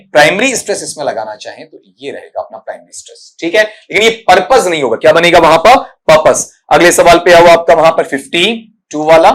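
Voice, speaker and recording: A man teaching English pronunciation in an online exam-prep lesson, repeating himself often and addressing students fondly as "beta". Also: on the high side. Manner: repetitive filler-laden explaining, calls students "beta".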